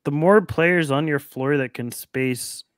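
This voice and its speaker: Man, sports podcast co-host, clear smooth voice, dry close sound, careful long explanations. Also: a little high, unhurried, no room sound. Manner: thoughtful, explains at length with restarts. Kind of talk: casual sports talk. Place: home room on a video call.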